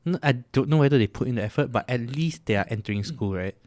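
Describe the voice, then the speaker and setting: A young man, co-hosting a casual podcast chat. He talks in rushed run-on sentences with lots of fillers and sounds out of breath. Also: medium pitch, animated, darkish tone, dry recording. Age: young adult. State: out of breath and shivering from cold. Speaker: podcast co-host.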